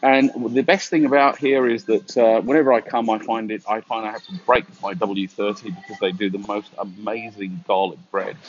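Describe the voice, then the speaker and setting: A man's voice: lowish voice, fairly even intonation, brisk, few pauses, faint music behind. A middle-aged man giving a casual, wry, offhand tour to camera. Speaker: vlogger giving a restaurant tour. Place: quiet restaurant interior with large windows. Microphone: phone at arm's length. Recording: dull, lo-fi phone audio.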